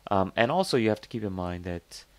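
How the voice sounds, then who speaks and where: A man's voice: lowish voice, animated, brisk, no echo. A man hosting a casual product review, thinking aloud with lots of fillers and restarts and a skeptical, conversational manner. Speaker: host reviewing crowdfunding products.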